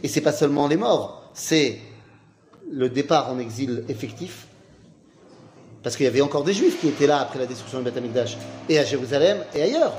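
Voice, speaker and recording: A man's voice: medium pitch, animated, brisk, a little mellow, slight background noise. A man teaching an informal Talmud class, asking questions and then answering them himself in a casual, slangy way.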